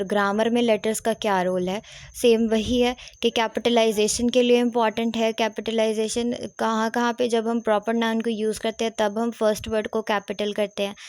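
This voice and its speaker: A woman's voice: medium pitch, darkish tone, dry recording. Woman teaching grammar in a dry close voice. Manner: explains step by step, slow on English headings. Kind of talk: recorded lecture.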